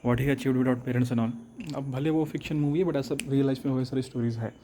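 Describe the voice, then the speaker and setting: A young man telling a reflective personal story, halting and restarting often, switching between Hindi and English. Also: mid-range voice, fairly even intonation, dark tone, slight background noise.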